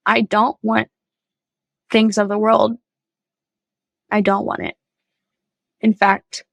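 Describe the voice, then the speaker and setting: A woman guest on a podcast, telling her personal faith story in a halting, earnest way with many fillers and restarts. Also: mid-range voice, gravelly, fairly bright tone, no echo, low-quality recording.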